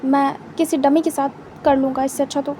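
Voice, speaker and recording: A woman's voice: sits high, level tone, fairly quick, mellow, a little hiss or hum, natural voice. A woman voicing a young man in a spoken story, a cold, irritated lover who speaks curtly. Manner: curt, irritated.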